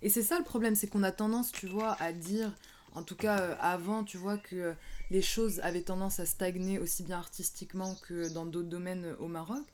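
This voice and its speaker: A woman's voice: fairly low pitch, fairly even intonation, normal speed, darkish tone, slight background noise. A woman interviewing a guest, thoughtful and hesitant, with many fillers. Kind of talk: casual interview conversation.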